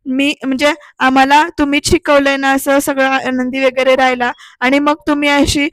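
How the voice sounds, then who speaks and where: A woman voicing a young woman weeping at her father's hospital bed, pleading slowly through tears. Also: high voice, level tone, no room sound, natural voice. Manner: pleading, slow and tearful.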